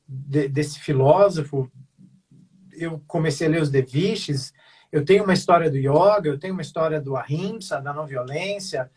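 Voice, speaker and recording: A man's voice: a little high, husky, far from the mic. A man on a video call panel, speaking earnestly and rambling with many fillers and restarts. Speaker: mediation facilitator. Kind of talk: casual online panel talk.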